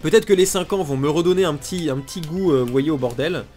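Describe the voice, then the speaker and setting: Over music, a fast-talking man with a slightly high, slightly mellow voice gripes bluntly and informally in off-the-cuff gaming commentary. He creates gaming videos, and his pollen allergy gives him a congested, nasal sound.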